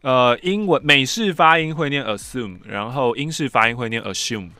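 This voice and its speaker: A man's voice: medium pitch, moderate pace, sharp tone, clear, resonant tone, no room sound. A man co-host with a Taiwanese Mandarin accent, chatting casually and dropping dry, teasing asides. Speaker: podcast co-host. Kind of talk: casual chat.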